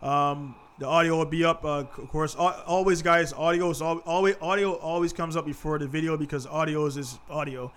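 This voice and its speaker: Man in his thirties, podcast host, higher voice, smooth clear tone, laid-back casual chat. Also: steady tone, fairly quick, hardly any pauses, fairly bright tone.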